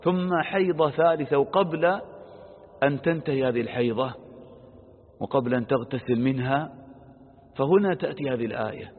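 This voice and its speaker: A man's voice: mid-range voice, moderate pace, pauses often. A man teaching a religious lesson on verses of scripture. He poses questions aloud, answers them with everyday examples, and lifts his voice on the quoted verses. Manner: stresses quoted verses with a raised voice. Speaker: Quran exegesis teacher. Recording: lo-fi phone-like sound with long reverb.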